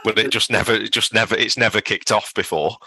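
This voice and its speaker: A man's voice: fairly low pitch, fairly even intonation, fast talker, bright, forceful tone. A man co-hosting a podcast, chatting casually and thinking aloud with questions and restarts. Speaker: podcast co-host. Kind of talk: casual recap chat.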